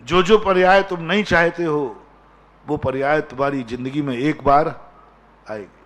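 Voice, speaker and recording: A man's voice: on the high side, steady tone, a little slow, a bit bright. A man, a Jain monk, preaching a sermon, firing rhetorical questions and repeating key words for emphasis.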